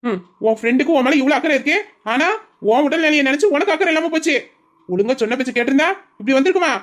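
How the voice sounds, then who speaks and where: A brisk female doctor, played by a woman who gives quick, firm instructions in a high voice. She scolds with care in a homemade audio drama. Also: lively intonation. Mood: scolding.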